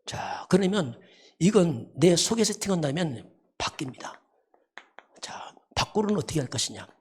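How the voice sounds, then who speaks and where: Delivering a dawn service sermon at a moderate pace, this pastor sounds very animated, his husky voice sitting at medium pitch. He teaches emphatically and repetitively, posing many rhetorical questions.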